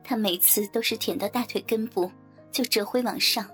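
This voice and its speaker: A woman narrating a story in a soft, breathy, half-whispered voice. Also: on the high side, normal speed, soft background music. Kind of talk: whispered erotic story reading.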